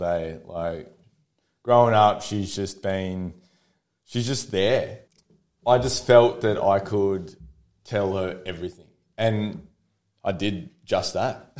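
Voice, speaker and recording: A man's voice: lowish voice, darkish tone. An Australian man in his thirties, a podcast guest speaking openly and telling stories in casual conversation, laughing easily. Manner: open, storytelling, laughs easily.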